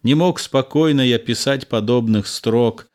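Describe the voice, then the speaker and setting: Man reading as a sad proud poet-soldier, slow and heartfelt. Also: medium pitch, darkish tone, close to an everyday voice. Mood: melancholy.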